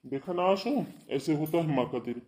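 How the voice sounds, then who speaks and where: A man's voice: fairly high pitch, normal speed, darkish tone, natural voice. A man voicing a young married son in a cartoon, who lectures his wife sternly about respecting his mother. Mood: lecturing. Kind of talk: cartoon voice acting.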